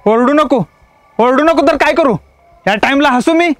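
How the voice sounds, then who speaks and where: A man's voice: very high voice, normal speed, no echo. An actor playing Akash, a tense young man who snaps insults at his partner. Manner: hot-tempered, insulting, then softening.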